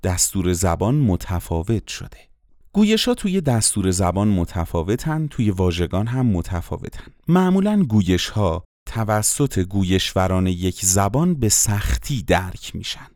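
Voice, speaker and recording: A man with a fairly low voice gives an explanatory lesson and rises and falls through a wide range. He teaches like a voice-acting coach and often stops to ask rhetorical questions. The recording is dry and close. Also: darkish tone, no room sound. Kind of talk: explanatory lesson on dialects and accents.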